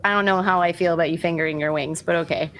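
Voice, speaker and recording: A woman's voice: fairly low pitch, steady tone, fast talker, fairly bright tone. A woman player at a tabletop game, bantering casually in a teasing, jokey way.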